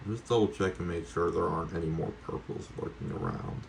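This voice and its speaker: Male game streamer, deep register, chatty off-the-cuff commentary to viewers, slightly noisy recording with ambience. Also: brisk, gravelly. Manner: chatty, rambling, talks to viewers; casually sweary. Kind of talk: casual gameplay commentary.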